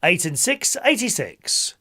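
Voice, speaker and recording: Calling bingo as the night's host, a man with a strikingly high, husky voice sings out numbers at a measured pace, his pitch jumping about brightly and forcefully. He jokes and rhymes in a chummy showman style, addressing players as "gang" and "my loves."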